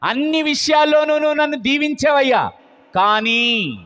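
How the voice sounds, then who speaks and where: A preacher doing a pleading old patriarch. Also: male voice, extremely high pitch, lively intonation, normal speed, pushed and bright, full character voice. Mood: lamenting. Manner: begging, deferential, lamenting. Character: pleading aged patriarch, humble and anxious. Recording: muffled long hall reverb.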